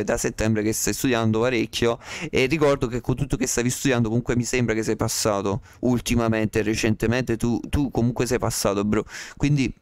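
A man live-streams a game, speaking close to the microphone as he jokes and chats with viewers in a playful, slangy way, often repeating himself. His voice is medium-pitched and clean, and the recording is dry.

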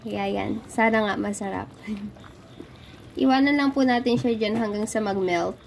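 A young woman runs a casual cooking vlog, seated at a table in a dark indoor room and talking to the camera. She's chatty, polite, and playful, giggling often. Her mid-range voice is creaky and measured, with slight background noise.

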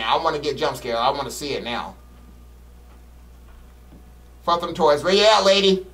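A man giving casual, slangy, profane commentary as he plays a horror game, griping bluntly at it. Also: recorded from a distance. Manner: swings between muttering and loud high-pitched exclamations. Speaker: game streamer playing a horror game.

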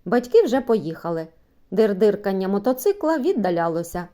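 A woman's voice: mid-range voice, very animated, normal speed, warm tone. A woman narrating a children's story as an audiobook, reading expressively and giving the characters voices.

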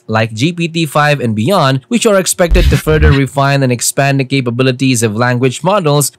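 A man narrating a scripted tech explainer in an even, informative way. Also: medium pitch, no echo.

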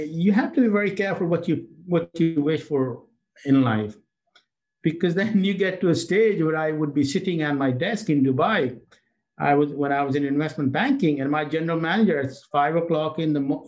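An older man born in Pakistan and raised in Britain, telling his story as an interview guest over a video call, animated and chuckling between phrases. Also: a little high, dull audio. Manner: animated, repeats words, laughs between phrases. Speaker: guest, chamber of commerce president.

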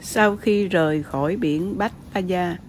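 A woman's voice: lowish voice, slow pace, a little hiss or hum. A woman narrating her travel vlog in a voice-over and signing off politely and formally to her viewers. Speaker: travel vlogger. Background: loud background music.

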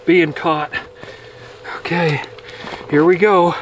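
High-voiced man exclaiming on the ice. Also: steady tone, takes it slowly, distant mic, noisy background. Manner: breathless, swearing, exclaiming in disbelief. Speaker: outdoors video host. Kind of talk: excited outdoor commentary. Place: outdoors on a frozen lake.

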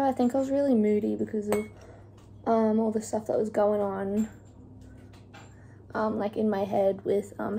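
Recorded by a phone camera resting on her kitchen counter, a young adult vlogger from Australia talks through a casual cook-along with plenty of fillers. She has a fairly high, creaky, dark-toned voice, and there's a slight hiss or hum.

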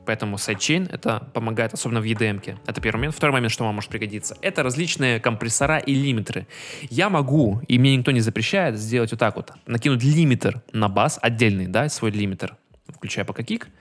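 A young adult man talks fast in a mid-range voice, explaining music production in an informal, slangy way peppered with tag words. It's a casual screen-recorded tutorial made in a small room at home, with a desk microphone close to his mouth and loud music from the track being mixed playing in the background.

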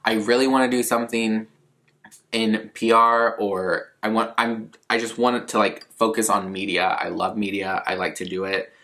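A man in his twenties with a fairly low but bright, forward voice. He talks to camera in a casual, rambling way, candid and a little self-deprecating, like a vlogger answering questions from viewers. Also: fairly even intonation, normal speed. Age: 20s. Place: living room at a coffee table, indoors.

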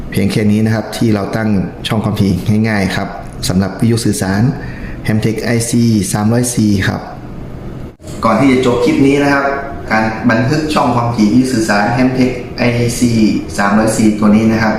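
A man's voice: on the low side, steady tone, normal speed. A man presenting a step-by-step tutorial in a polite, instructional manner. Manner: polite, instructional, frequent courtesy particles. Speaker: presenter of a radio how-to channel. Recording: echoey room, clear background noise.

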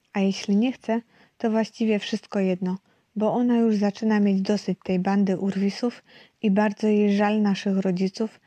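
Woman, storyteller, children's book reading, mellow tone, dry close sound. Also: mid-range voice, no echo, lo-fi sound. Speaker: narrator.

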